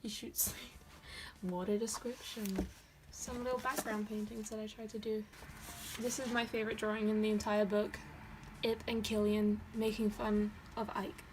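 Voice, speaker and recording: This artist from Dorset, England, is young and flips through her sketchbook at her desk in a loose, giggly way, running herself down as she goes. Her fairly high voice barely moves in pitch, her pace is moderate, and there's noise behind her.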